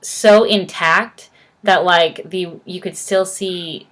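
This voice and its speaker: A woman's voice: on the low side, steady tone, slow, poor audio. A young woman, chatting casually as a vlogger in a gushing, emphatic way. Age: young adult. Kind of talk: casual chat to camera with a co-host.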